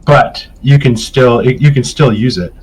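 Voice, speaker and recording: A man narrating a tabletop game as game master, describing scenes in a relaxed way with filler ums. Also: medium pitch, unhurried, slightly rough, poor audio.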